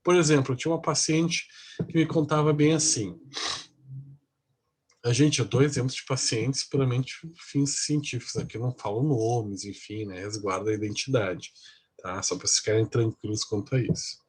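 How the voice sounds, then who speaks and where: A man's voice: medium pitch, moderate pace, husky. A male psychology lecturer, explaining patiently in a class and often ending sentences with a questioning "né?".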